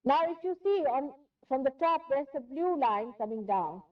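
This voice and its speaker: A woman's voice: sits high, animated, moderate pace. An Indian woman giving a spiritual lecture, emphatic and repeating phrases for stress. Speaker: spiritual teacher. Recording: distant, dull lo-fi 1981 lecture tape.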